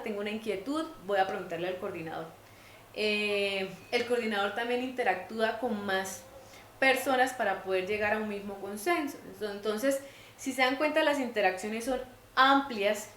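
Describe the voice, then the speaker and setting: Woman, higher voice, patient lecturing tone, echoey room. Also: a little hiss or hum. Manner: patient, repeats points in simpler words. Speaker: teacher trainer. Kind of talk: explanatory lecture.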